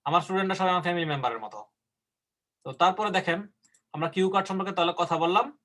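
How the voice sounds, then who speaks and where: A man's voice: high voice, a bit bright. Man teaching an English test class. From Bangladesh. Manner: explains in Bengali, slowing down to model English sample answers. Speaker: IELTS teacher. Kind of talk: online class lecture.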